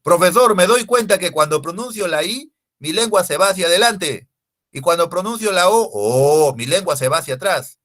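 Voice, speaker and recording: A man's voice: high-pitched, animated, normal speed, fairly bright tone, voice pushed up. A man voicing a curious young female student who keeps questioning her teacher, puzzled and insistent. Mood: eager.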